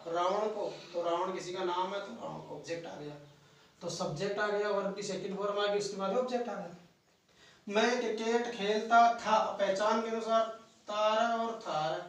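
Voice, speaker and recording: Male teacher, high voice, classroom drill style, heard from off-mic. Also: recorded from a distance. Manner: asks questions and answers them himself. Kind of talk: classroom grammar lesson. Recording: echoey room, voice from off-mic.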